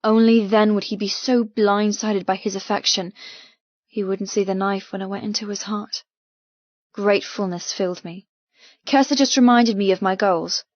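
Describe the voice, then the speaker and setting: This audiobook narrator, a woman with a mid-range voice, performs a first-person novel intensely and dramatically, her tone steady and her pace moderate. The sound is very dry and slightly dull.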